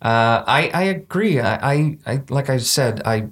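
A man co-hosting a casual film discussion, relaxed and agreeable, often answering with short affirmations. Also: mid-range voice, measured pace. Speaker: podcast co-host.

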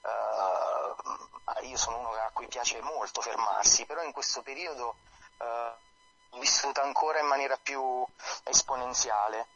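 A man speaking as a guest author on a radio show over a phone line, talking in a hesitant, halting way with many fillers. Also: mid-range voice, gravelly, bright, forceful tone, husky. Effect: heard over a phone line. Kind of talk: live radio interview by phone.

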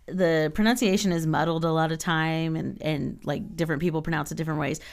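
A woman's voice: sits low, creaky. A woman co-hosting a casual podcast chat, rambling with many fillers and laughing easily. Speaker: podcast co-host.

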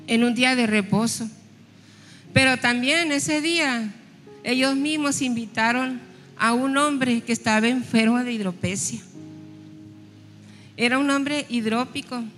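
A woman preaching a sermon, retelling Bible stories and voicing the people in them. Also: sits high. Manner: retelling Bible stories with lively quoted dialogue. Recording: long hall reverb with faint music.

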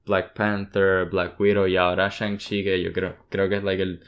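Puerto Rican male co-host, fairly low clean voice, enthusiastic casual Spanglish chat. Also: level tone, normal speed, clean tone. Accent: Puerto Rican Spanish. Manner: Spanglish, mixing English words and phrases into Spanish; enthusiastic fan talk. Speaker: podcast co-host.

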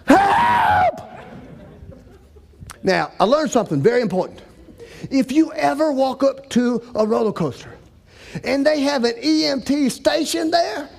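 A man telling a lively story to an audience, acting out scenes. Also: very high voice, creaky. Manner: folksy Southern-style storytelling, acts out shouts for help.

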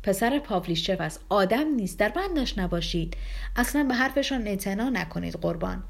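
A woman's voice: mid-range voice, expressive, gravelly. A woman reading the part of a fawning, obsequious middle-aged man in an audiobook, with flowery, servile speech. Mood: pleading.

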